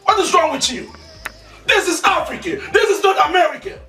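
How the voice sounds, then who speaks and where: A hot-tempered Edo husband. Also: male voice, extremely high pitch, animated, brisk, soft background music, exaggerated voice. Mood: angry. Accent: Nigerian, Edo. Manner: shouts angrily, switches between English and pidgin. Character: hot-tempered husband defending his mother. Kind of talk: Nollywood film acting. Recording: echoey, from a distance.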